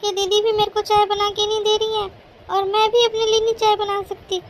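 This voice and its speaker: Woman doing a sugary whiny young daughter-in-law, super high cartoon voice, tattling. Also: flat delivery, brisk, slight background noise. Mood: whining. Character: scheming young daughter-in-law, sweet-talking, complaining. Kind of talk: cartoon voice acting.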